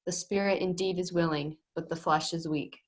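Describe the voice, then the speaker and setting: A woman reading the part of Jesus, a solemn, resolute teacher, earnest and measured, in a dramatic scripture reading. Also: fairly low pitch, fairly even intonation, natural voice. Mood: sorrowful, earnest. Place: remote recording on a video call. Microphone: video call.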